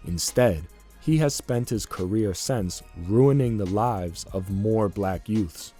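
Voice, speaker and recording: A man narrating scripted commentary in an indignant, deliberate tone. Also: fairly low pitch, mellow, slightly rough, soft background music.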